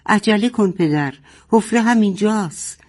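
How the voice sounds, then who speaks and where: A man's voice: fairly high pitch, darkish tone. A man voicing a young girl who pleads and screams through tears. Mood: pleading screams.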